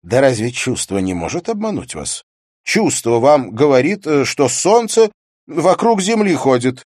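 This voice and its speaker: Man doing a high, loud, eloquent debater in a storybook reading: lecturing, sure of himself, husky edge, very lively. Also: unhurried, dry recording, clean studio sound. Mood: confident arguing. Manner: calm, forceful, lecturing. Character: eloquent confident young male debater. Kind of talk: audiobook character reading.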